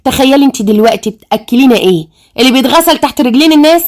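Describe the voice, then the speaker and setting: Woman playing a fussy young daughter, Egyptian accent, shrill and high, quick and indignant, audio-story voice. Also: expressive.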